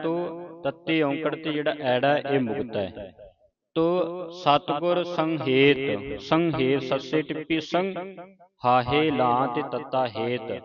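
Male Punjabi teacher of scripture recitation, slow and deliberate, chants verses then explains them; muffled recording with a congregation behind. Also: mid-range voice. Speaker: Gurbani pronunciation teacher.

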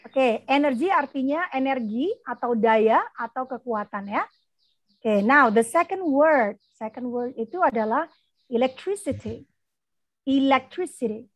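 A woman teacher with an Indonesian accent gives a lesson over the radio, speaking slowly and carefully so children can repeat after her. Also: sits high, lively intonation, no room sound. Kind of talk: bilingual reading lesson on radio. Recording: dull, lo-fi radio broadcast.

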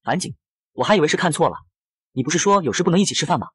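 A man's voice: fairly high pitch, expressive, very fast, slightly rough, no echo, studio quality, heavily acted. Man voicing a scheming rich young charmer. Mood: coaxing. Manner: coaxing, pleading, softly persuasive.

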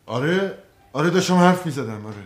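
An actor playing a flustered young husband and doctor in a sitcom, defensive and pleading, lecturing when cornered. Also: male voice, fairly high pitch, animated, natural voice. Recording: roomy set with faint noise.

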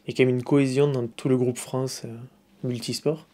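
A man in his thirties talks in a measured, thoughtful way with some pauses. It sounds like a relaxed indoor interview. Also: medium pitch. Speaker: fencer. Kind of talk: casual interview.

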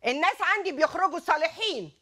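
A woman's voice: extremely high pitch, expressive, quick pace, pushed and bright, exaggerated voice. An actress with an Egyptian accent playing a self-important, indignant middle-aged woman prison warden and mother in a TV comedy series. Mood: lecturing. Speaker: police brigadier, prison warden. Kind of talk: TV comedy drama acting.

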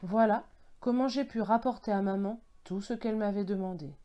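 A woman reading a children's picture-book story aloud in the first person, telling it lively and animatedly. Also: mid-range voice, fairly quick, lo-fi sound.

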